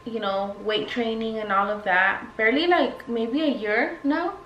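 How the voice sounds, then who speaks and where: A woman's voice: on the high side, a little slow, muffled recording. A young woman YouTube vlogger, tipsy and rambling in a casual Q&A chat, blunt and sweary. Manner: tipsy, loose rambling talk. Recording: echoey room with faint noise.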